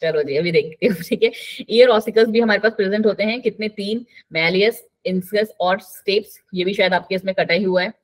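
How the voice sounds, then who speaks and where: A woman's voice: mid-range voice, fairly quick, few pauses. A woman teaching a live online biology class, chatty and coaxing, mixing English terms into her talk.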